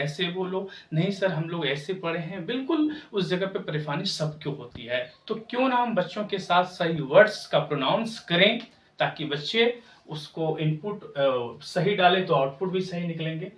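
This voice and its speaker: A man teaching English pronunciation, speaking slowly and repeating each word to correct common mistakes. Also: a little high. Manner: slow, repetitive, corrective. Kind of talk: pronunciation lesson to camera. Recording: echoey room, voice from a distance.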